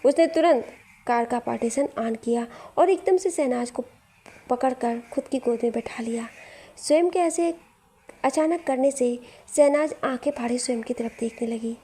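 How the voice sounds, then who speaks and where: A woman telling a romantic story in steady, dramatic scripted narration. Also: high voice, normal speed, breathy edge.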